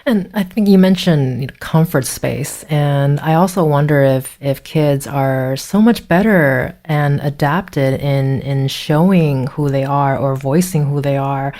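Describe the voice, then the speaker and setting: Very low-pitched woman interviewer. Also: unhurried, few pauses, mellow. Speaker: radio interviewer, host. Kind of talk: conversational public radio interview.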